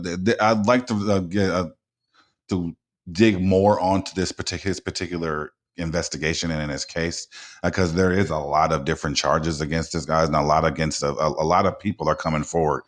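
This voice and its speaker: Very deep-voiced man hosting talk radio. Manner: rambling, frequent restarts and repeated words; blunt and informal. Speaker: radio show host. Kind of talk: casual talk radio chat.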